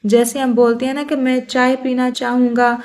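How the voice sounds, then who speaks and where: A woman teaching English grammar in Hindi, explaining patiently and saying each English example slowly and clearly. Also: high-pitched, level tone, a little mellow. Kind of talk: spoken English lesson for Hindi speakers.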